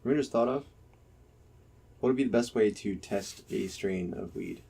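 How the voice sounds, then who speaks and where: A man's voice: lowish voice, normal speed, gravelly, mellow, breathy edge. A young man with a New Jersey accent, chatting casually on a podcast, rambling and hesitant with many fillers. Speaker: podcast co-host. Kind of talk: casual chat.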